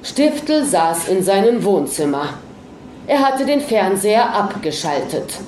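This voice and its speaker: A woman narrating a story aloud in a lively, dramatic reading manner. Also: mid-range voice, measured pace, roomy sound, noisy background.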